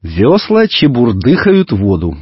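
A man's voice: mid-range voice, slow, slightly rough, dry recording, full character voice. A man voicing a playful, inventive middle-aged father in a radio story reading. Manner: calm, playful, solemn when reciting. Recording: dull radio recording, faint music.

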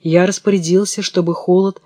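Man doing an ancient frost spirit in a storybook, thin ringing voice, cold and unhurried, dictating each word, dry close sound. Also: high-pitched, level tone, mellow, no echo. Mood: cold, measured. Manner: slow, measured, as if dictating from a book. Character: ancient icy great-grandfather of frost, calm and cold.

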